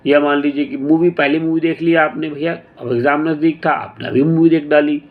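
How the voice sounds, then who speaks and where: A man giving a casual motivational talk, unhurried, thinking aloud with pauses and restarts and mixing in English phrases. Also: fairly high pitch, steady tone, phone-quality sound. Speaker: motivational speaker.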